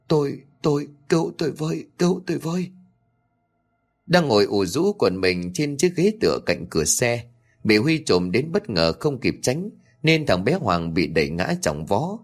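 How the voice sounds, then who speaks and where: A man narrating a ghost story in an expressive, dramatic storytelling style. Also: lowish voice, normal speed. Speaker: audiobook narrator.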